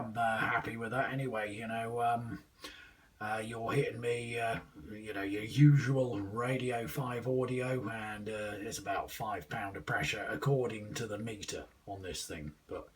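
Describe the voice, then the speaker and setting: Recorded on a distant mic, a man in his 20s with a fairly low, steady voice speaks at a normal speed over CB radio. He's an amateur operator trying out a new set in a small room with radio gear, and his casual chatter is hesitant, rambling and slangy.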